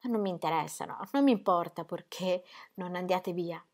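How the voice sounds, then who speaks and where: A woman's voice: lowish voice, moderate pace, darkish tone, lightly acted. A woman reading the part of an earnest, anxious young pastor's wife with breathless, gushing emphasis. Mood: eager.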